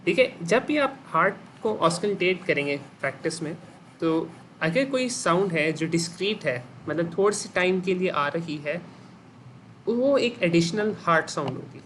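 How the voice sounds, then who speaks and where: In a medical class, a Pakistani Urdu-accented man speaks high and animated at a moderate pace, his voice a bit bright. He puts questions to the students and repeats their replies while blending English medical terms into his talk. A slight hiss or hum is audible.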